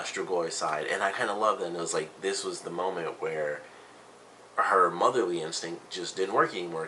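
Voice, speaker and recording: A man with a deep voice and a bright, slightly tense edge talks through his thoughts on a TV episode. His delivery is loose and conversational, packed with fillers as he circles back to his points. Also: a little hiss or hum, low-quality recording. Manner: rambling, full of "you know" and "like". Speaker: TV episode reviewer. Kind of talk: casual spoken review.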